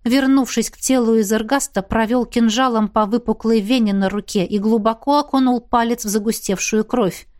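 A woman narrating a fantasy audiobook in an even, measured reading. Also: a little high, no room sound, clean studio sound. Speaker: audiobook reader.

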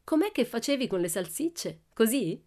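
Cheeky, unafraid little girl, voiced by a woman reader, mock-sweet teasing, raised pitch, radio storybook. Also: big pitch swings, normal speed. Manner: cheerful, teasing, mock-gentle.

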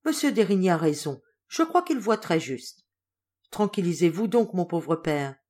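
An earnest, devoted lady pleads with her father, as a woman reader puts her on. Her voice moves widely in pitch. This is a storybook audiobook. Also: very animated, moderate pace, a little mellow. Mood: gentle. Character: anxious loving adult daughter, a lady.

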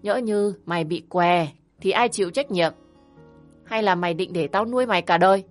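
A woman doing a shrill, scolding older aunt. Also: expressive, brisk, soft background music, natural voice. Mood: demanding. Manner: yelling, berating, harsh.

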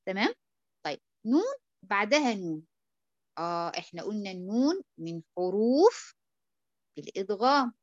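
A woman's voice: medium pitch, very animated, moderate pace, pauses often, no echo, highs cut off. A woman with an Egyptian accent teaching a tajweed lesson, who checks often that the student understands and draws out syllables to demonstrate them. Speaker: Quran recitation teacher.

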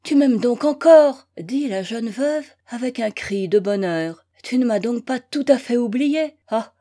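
An imploring young widow pours out her case in slow, pleading phrases, as a woman reads her part. The voice sits a little high and mellow, and every line comes out as an urgent request. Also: animated. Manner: imploring, breathless emotional pleas. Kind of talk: read-aloud novel, acted dialogue.

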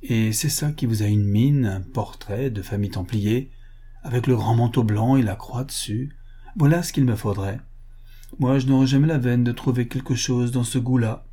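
A man's voice: medium pitch, normal speed, warm tone, husky, lightly acted. A man reading the part of a crude, greedy rich upstart with a blunt, boastful way of talking. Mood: blustering.

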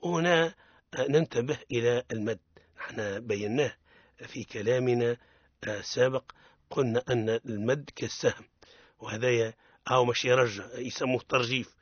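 On the radio, a Tunisian-accented man teaches Quran recitation, explaining the rules and slowly chanting verses for learners to repeat. His medium-pitched voice is slightly rough, and the recording is muffled with no echo.

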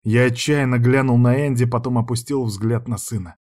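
A man's voice: medium pitch, fairly even intonation, normal speed, darkish tone. Man reading a first-person audiobook. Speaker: audiobook narrator.

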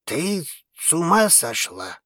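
A woman reading an audiobook and voicing a gruff, cynical old male space trader who talks in a surly, blunt way. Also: low-pitched, big pitch swings, takes it slowly, a bit bright, no room sound, studio quality, pitched below the performer's own voice, heavily acted.

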